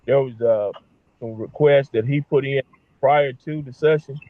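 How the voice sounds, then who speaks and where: A man speaking haltingly in a meeting over a bad connection that keeps breaking up. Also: mid-range voice. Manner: halting, with "uh" fillers. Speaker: remote meeting participant. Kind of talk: meeting remarks over a call. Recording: choppy phone-like call line.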